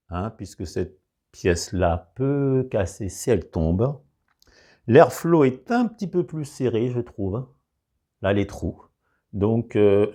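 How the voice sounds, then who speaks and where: A man's voice: fairly low pitch, mellow. A man with a regional accent demonstrating a product in a casual review, explaining carefully with many hesitations. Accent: French regional.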